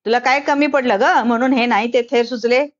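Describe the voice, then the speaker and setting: A distraught mother in a storybook reading, angry and reproachful, her voice rising high, as a woman reader plays her. The sound is a bit dull and muffled. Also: steady tone, moderate pace, close to an everyday voice. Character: distraught mother scolding her teenage daughter.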